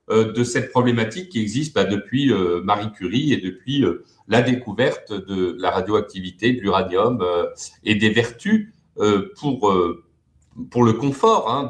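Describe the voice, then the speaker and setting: A man's voice: on the low side, echoey room. A man talking as a guest expert in an interview, hesitant, with many fillers and repeated words. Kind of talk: web TV interview.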